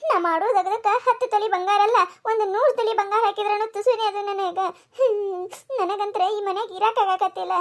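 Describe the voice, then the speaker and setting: Here a performer gives a very high-pitched, whiny voice to a defiant, sulky young village daughter-in-law in a cartoon, using a North Karnataka Kannada accent. The comedic delivery is fast and steady in tone, with hardly any pauses.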